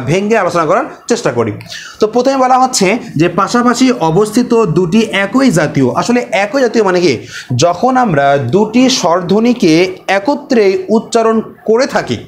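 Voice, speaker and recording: A young man with a high-pitched voice teaches a grammar lesson. He works through each point step by step, asking rhetorical questions and saying his examples again and again. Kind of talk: explanatory lesson.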